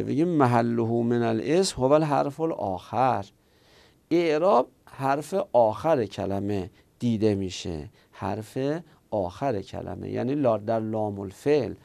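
A man's voice: medium pitch, expressive, vocal fry, a little mellow. A man teaching Arabic grammar in Persian, working through each rule step by step and asking questions that he answers himself. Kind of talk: explanatory lesson.

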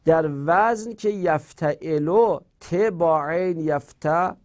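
A male teacher giving a grammar lecture, reciting verb forms in slow drills and posing rhetorical questions. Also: on the high side, darkish tone.

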